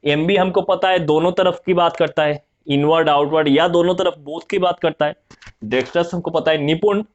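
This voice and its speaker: A man gives a vocabulary lesson, repeating each word and spelling it out slowly, then asking questions and answering them himself. His voice sits a little high, and the recording sounds muffled and lo-fi. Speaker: vocabulary teacher. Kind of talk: Hindi vocabulary lesson, explaining word roots.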